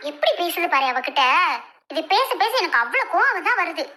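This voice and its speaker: A woman playing a fretful middle-aged mother in a homemade family skit, who keeps scolding and pushing her daughter to make a call. The voice is dropped lower than the performer's own but still sits high and bright. She talks in an insistent, nagging way. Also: sing-song, a little fast, heavily acted. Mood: annoyed.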